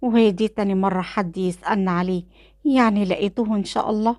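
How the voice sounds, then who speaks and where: A woman's voice: medium pitch, fast, darkish tone, no room sound, studio quality, close to an everyday voice. A woman voicing a poor grieving widow who asks anxious questions, in an Egyptian Arabic accent.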